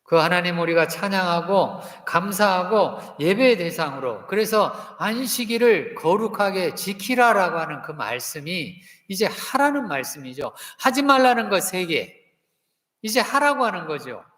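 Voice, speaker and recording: A pastor in his fifties gives a sermon in a church sanctuary. His voice sits a little high for a man, and it rings through a roomy hall with a long tail of reverb. He keeps asking the congregation questions and has them repeat lines after him. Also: sing-song, normal speed, a bit bright.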